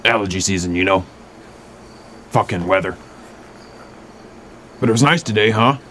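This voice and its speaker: Guy playing a grumpy 510 year old little dude, gruff and swears a lot, slight hiss under it. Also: on the low side, normal speed, a bit bright, close to an everyday voice. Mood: grumbling. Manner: gruff, touchy and cursing. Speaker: townsperson talking to the sheriff. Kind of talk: film dialogue.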